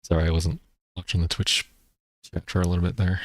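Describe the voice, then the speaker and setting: A man streaming a video game, talking in a rambling, casual way with a deep voice and explaining things between plays. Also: completely flat delivery, brisk. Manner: rambling, explains while playing, many fillers. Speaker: gaming streamer. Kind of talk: casual gameplay chat. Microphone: streaming microphone.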